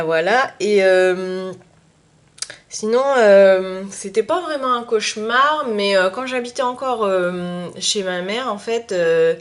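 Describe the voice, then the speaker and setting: A young woman talks casually to her viewers in a vlog, pausing often with fillers as she searches for words. Her phrases fade softly at the ends, and her voice sits at an ordinary middle pitch. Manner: hesitant, full of "euh" fillers; phrases trailing off quietly. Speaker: YouTube vlogger. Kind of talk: casual chat.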